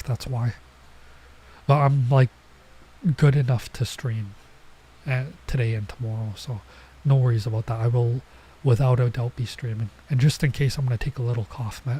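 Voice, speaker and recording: Playing a visual novel, this male streamer chats casually in a mellow, medium-pitched voice, with a little hiss or hum on the recording. His cold is setting in, leaving him nasal and congested as he wanders off into rambling asides.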